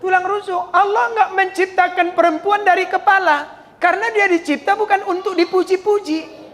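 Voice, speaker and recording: Man, Medan accent, jokey sermon, high voice, long reverb of a mosque hall. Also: moderate pace. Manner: joking, animated storytelling, acts out characters. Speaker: preacher. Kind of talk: humorous sermon.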